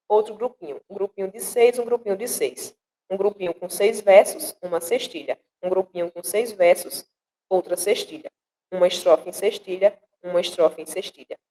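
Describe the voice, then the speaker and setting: A woman from northeastern Brazil, a poet, teaching verse meter in a slow, deliberate way and sounding out syllables one at a time. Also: mid-range voice, mellow, rough recording. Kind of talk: explanatory lesson with recited verses.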